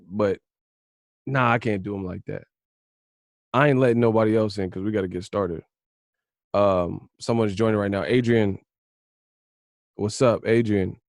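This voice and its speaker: A man's voice: lowish voice, a little mellow, no echo, clean studio sound. A man hosting a casual group video call, teasing and joking with guests in slang. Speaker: host.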